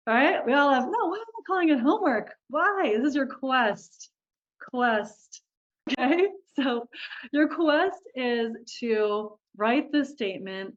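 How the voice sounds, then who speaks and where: A woman leading a live online group coaching session, upbeat and encouraging, often laughing as she talks to participants. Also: fairly high pitch. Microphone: video call. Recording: dull lo-fi video call audio.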